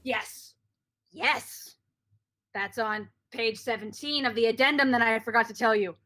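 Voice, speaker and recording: A woman's voice: fairly high pitch, unhurried, pushed and bright. A woman improvising as a bossy, exasperated game master in a comedy scene, sometimes dropping to a whisper.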